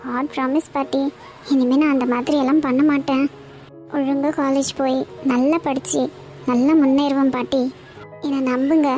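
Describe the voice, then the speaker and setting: A woman's voice: sits high, level tone, moderate pace, pauses often, warm tone, soft background music, close to an everyday voice. A woman voicing a remorseful young college girl in a cartoon, who pleads and apologizes. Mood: pleading.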